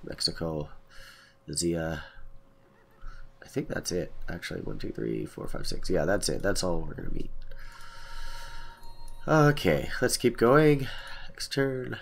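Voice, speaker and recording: A man's voice: low-pitched, big pitch swings, takes it slowly, gravelly, long pauses, a little hiss or hum. A man with a head cold and a lisp, casually talking through a strategy game as he plays, thinking aloud with lots of fillers. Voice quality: lisp, whistly S sounds. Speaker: let's play host. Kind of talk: casual gameplay commentary.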